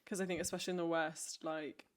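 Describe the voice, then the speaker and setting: A woman's voice: fairly low pitch, little pitch movement. Woman hosting a chatty interview podcast. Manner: soft, slow guided-meditation delivery; bubbly, laughs often, quick follow-up questions. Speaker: podcast host. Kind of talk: guided meditation; casual interview chat.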